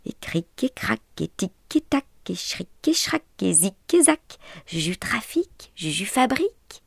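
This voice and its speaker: Woman storyteller, husky and breathy, slow, whispery delivery, dry close mic. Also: mid-range voice, sing-song, no echo. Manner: soft, often whispered, playful rhythmic delivery. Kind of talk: children's story reading.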